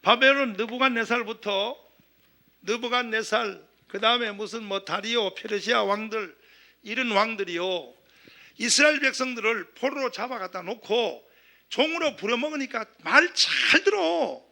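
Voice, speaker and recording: A middle-aged man from southeastern Korea preaching a sermon as pastor, animated, acting out quoted voices and calling for amens. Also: extremely high pitch, moderate pace, vocal fry. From Gyeongsang region, South Korea.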